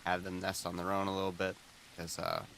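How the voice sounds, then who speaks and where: A man chatting casually on an early morning game live stream, speaking quietly with a groggy morning voice. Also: deep voice, little pitch movement, fairly quick, gravelly, background noise.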